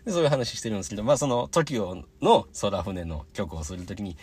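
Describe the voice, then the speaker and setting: Husky, lively Kansai man telling stories. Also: fairly low pitch, quick pace. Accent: Kansai Japanese. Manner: chatty, animated, acts out the voices in his anecdotes. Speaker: podcast host. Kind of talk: casual solo podcast storytelling.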